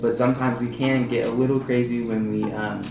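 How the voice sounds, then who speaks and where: A man's voice: mid-range voice, flat delivery, brisk, gravelly. A man in his twenties answering viewer questions in a casual, open, chatty vlog. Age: 20s. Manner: chatty and open, loose filler-heavy talk. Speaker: vlogger. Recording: roomy echo from a distance, with music.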